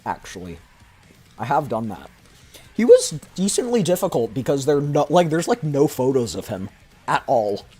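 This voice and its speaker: Husky young male streamer, rambling. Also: mid-range voice, big pitch swings, moderate pace, mellow. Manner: rambling, many fillers and restarts. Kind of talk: casual gaming chat.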